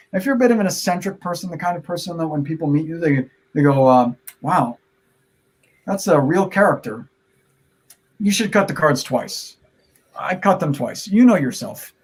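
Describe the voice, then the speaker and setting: A performer with playful kids-party magician patter, giving repeated step-by-step instructions to an online audience in an encouraging way. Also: medium pitch. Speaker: magician leading a card trick.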